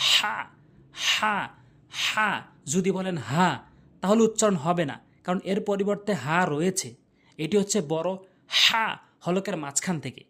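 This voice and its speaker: Patient teacher drilling letter sounds. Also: mid-range voice. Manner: patient, repeats each letter sound several times to demonstrate; explains step by step in simple terms. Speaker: Quran recitation teacher. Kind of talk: pronunciation lesson.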